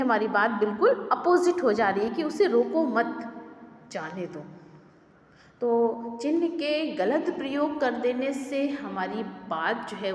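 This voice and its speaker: A woman teaching a grammar lesson to students, explaining step by step and repeating key words. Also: fairly high pitch. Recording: echoey room with long reverb, faint background noise.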